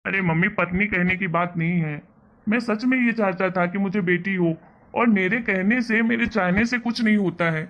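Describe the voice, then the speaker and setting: A man voicing a kind, earnest young husband and son in an animated family story. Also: high voice, moderate pace. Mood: pleading. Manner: earnest, persuasive.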